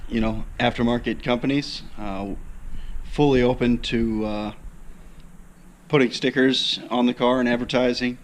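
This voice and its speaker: A man's voice: mid-range voice, a little hiss or hum. A man with a stuffy, nasal voice from a cold, casually talking a vlog audience through his car in a shop, with lots of fillers. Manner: relaxed, halting, with many fillers. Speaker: car channel host.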